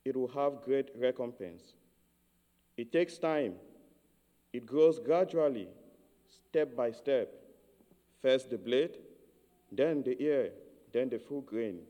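A man from Cameroon giving a measured, earnest homily as a priest. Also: medium pitch, dark tone, big-room sound.

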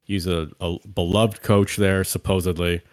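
A man's voice: flat delivery, normal speed. A man from Canada co-hosting a sports podcast in casual chat, also reading ad spots. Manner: conversational, reads ads in an upbeat pitch voice. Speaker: podcast co-host.

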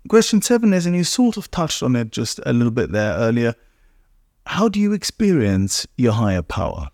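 A man hosting a podcast interview, asking questions gently and encouraging his guest. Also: medium pitch, sing-song, normal speed, no echo, clean studio sound. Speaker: podcast host.

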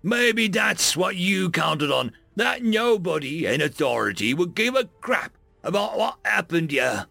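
A man voicing a mysterious hooded avenger in a spoken story, calm and cutting with contempt. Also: sits high, unhurried, vocal fry, dry recording, soft background music, voice pushed up, exaggerated voice. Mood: cold.

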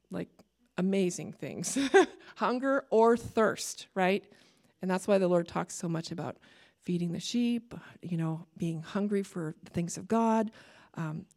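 A middle-aged woman from Canada with a Canadian accent, a chaplain giving a sermon in a conversational way with warm asides and light laughter. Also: mid-range voice. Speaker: chaplain and preacher.

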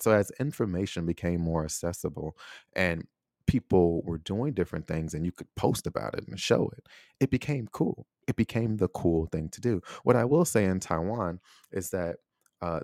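The recording is dry and studio-clean, carrying a low, slightly mellow male voice. He's an American podcast host from the United States going solo, musing in a conversational way and frequently dropping a rhetorical "right?".

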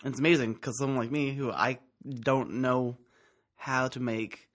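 A young man hosts a laid-back podcast chat across the table from a friend. He teases and jokes in a loose, easygoing way. His voice sits at an ordinary middle pitch. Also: fairly even intonation, normal speed. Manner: joking, teasing. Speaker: podcast host. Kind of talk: casual chat.

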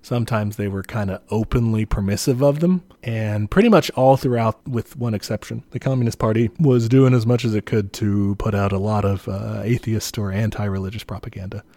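Low-voiced man explaining history casually. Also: a little fast, few pauses, no room sound. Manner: relaxed, explanatory, peppered with "like" and "you know". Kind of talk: casual podcast chat.

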